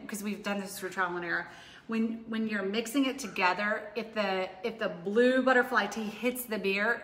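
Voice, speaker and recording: A woman in her forties, hosting a cooking demo, chats casually about a drink recipe in her home kitchen, upbeat and rambling with lots of restarts. Her voice is on the high side with a sharp tone. She's recorded by a far-off overhead camera in an echoey kitchen with long reverb.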